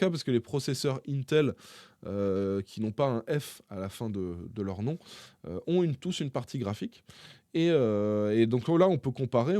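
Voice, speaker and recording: A man presenting tech news to his viewers in a casual, chatty way, often pausing on fillers as he talks. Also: medium pitch, mellow, no echo, studio quality. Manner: chatty, hesitant, frequent filler pauses; addresses viewers directly. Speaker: tech YouTuber.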